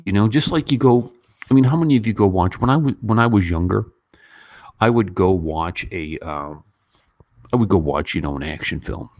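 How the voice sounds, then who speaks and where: Hosting a laid-back online livestream, a man from a Western country chats and comments in a wandering, informal way. His voice is deep and his pace moderate, perking up whenever he imitates others. There is no echo on the audio.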